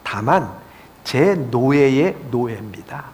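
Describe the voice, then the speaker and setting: A man voicing a calm, wise old desert hermit monk who speaks in a serene, gently lecturing way. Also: mid-range voice, takes it slowly, a little hiss or hum, voice pushed down.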